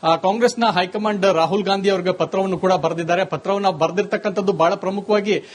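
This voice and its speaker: A man's voice: high-pitched, steady tone, a little fast. A man reporting live on politics, talking fluently but dropping in many hesitation fillers. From Karnataka, India. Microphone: phone or remote live link.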